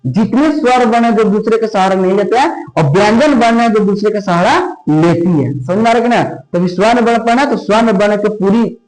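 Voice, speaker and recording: A man's voice: high voice, a little fast, hardly any pauses, darkish tone, poor audio. A male teacher giving a grammar lesson, repeating key words and asking then answering his own questions. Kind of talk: classroom lesson explanation.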